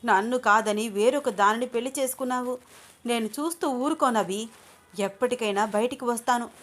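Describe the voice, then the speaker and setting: A woman voicing an obsessive, jealous young woman who pleads in a shrill, tearful voice. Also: normal speed, a bit bright, lightly acted. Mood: unhinged. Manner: shrill, tearful, desperate begging.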